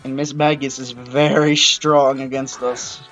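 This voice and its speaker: A young man casually commenting while playing a video game, rambling with frequent excited outbursts. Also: mid-range voice, unhurried, muffled recording, faint music behind. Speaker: gaming channel host. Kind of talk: let's-play commentary.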